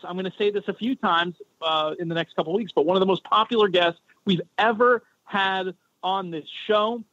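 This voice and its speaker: A chatty man hosts a podcast, talking in a loose, rambling way. His voice sits a little high and comes through a cell phone held to his head, so it sounds tinny and dull. The sound is dry, with no room echo. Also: fairly bright tone. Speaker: podcast host. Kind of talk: casual podcast talk. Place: home in a city neighborhood.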